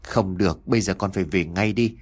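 A man voicing a cunning old mistress of the house who gives hurried, evasive orders in an audiobook. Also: low voice, soft background music, pitched below the performer's own voice. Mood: commanding.

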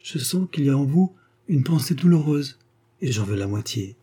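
A man's voice: mid-range voice, animated, moderate pace, dark tone, breathy edge, pitched above the performer's own voice. A man reading aloud plays a young lawyer in love, earnest and heartfelt. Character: young lawyer, loving and jealous.

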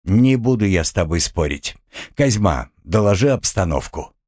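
Calm young male commander, read by a man; low, level, dry recording. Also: moderate pace, no echo.

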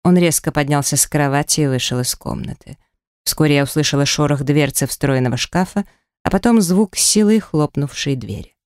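A woman reads a first-person audiobook in a smooth, resonant voice. She is recorded close and dry in a studio. Her reading carries tense, emotional drama. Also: deep voice, moderate pace, a little mellow, no echo. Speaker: audiobook narrator. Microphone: close studio mic.

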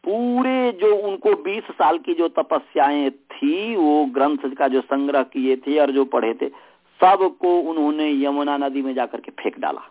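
A man teaches over a group call, his voice squeezed into a tinny, phone-like band. The connection keeps breaking up, so his words crackle and drop out mid-sentence. He tells his story at a slow, measured pace. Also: a little high. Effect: voice breaking up and cutting out on the call line. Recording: tinny, dropping-out phone line.

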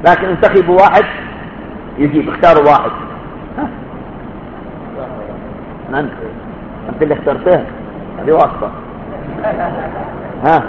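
The recording is echoey, dull and lo-fi, with noise in the background, capturing a religious lecture in a study-course hall. The man speaks at a moderate pace in a fairly high voice, pausing often, stressing points, asking rhetorical questions and occasionally having students answer.

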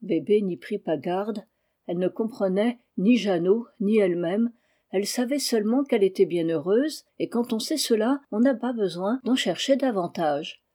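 A woman reading a classic novel aloud in a calm, measured narration. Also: mid-range voice. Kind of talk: audiobook narration.

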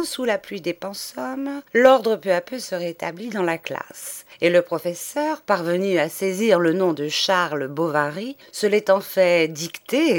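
A woman reads a classic novel aloud as audiobook narration. Her delivery is measured and expressive, with a dramatic lilt that rises and falls through the long sentences. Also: on the low side. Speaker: audiobook reader.

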